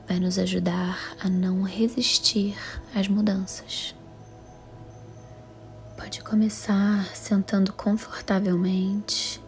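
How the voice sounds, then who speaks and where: This guided meditation comes from a Brazilian Portuguese woman whose mid-range voice is soft, breathy and half-whispered, her delivery calm, soothing and measured. Music sits under her voice in the background.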